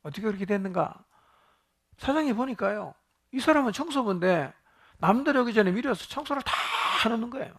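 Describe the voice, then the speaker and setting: A man's voice: high-pitched, lively intonation, quick pace, fairly bright tone. A male pastor teaching a Bible study sermon, asking the congregation questions and joking with them.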